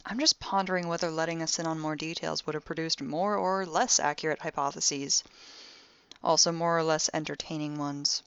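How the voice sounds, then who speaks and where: With a clean tone and no echo, a dull, close recording holds a young crewwoman's personal log from a sci-fi audio drama, performed by a woman with a low voice. Wry and sardonic, she voices her exasperation deadpan and conversationally at a moderate pace, sounding wry and amused.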